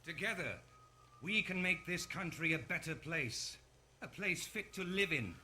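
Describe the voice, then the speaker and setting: An actor playing a grandiose, idealistic politician in an audio drama, delivering a measured, declamatory speech. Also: male voice, on the high side, lively intonation. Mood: lofty, earnest. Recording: archived speech with crowd behind.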